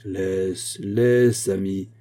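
A man voicing a worldly café owner in a read-aloud story, speaking in a soothing, gruff, compassionate way. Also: deep voice, steady tone, drawn-out words, dark tone.

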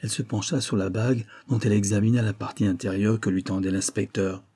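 Un homme qui lit à voix haute un roman policier en faisant les voix des personnages. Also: male voice, lowish voice, little pitch movement, warm tone, husky. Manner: measured storytelling, voices the characters. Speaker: audiobook narrator. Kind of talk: reading a detective novel aloud.

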